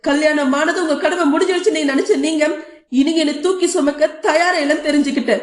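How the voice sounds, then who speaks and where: A woman's voice: sits high, fairly even intonation, fairly quick, reverberant, close to an everyday voice. A woman voicing a hurt married daughter who asks her father pleading, reproachful questions in an audio novel.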